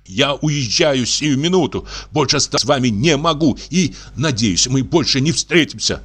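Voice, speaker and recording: A man voicing a prim, fussy country doctor who pleads and reproaches in a high, strained voice. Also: lively intonation, moderate pace, fairly bright tone, husky. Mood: reproachful.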